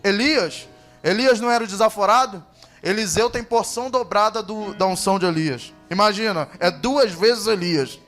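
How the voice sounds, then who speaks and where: A male pastor from Brazil preaching at a church service, telling a story dramatically and swinging from hushed asides to loud, impassioned calls. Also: sits high, moderate pace, faint music behind.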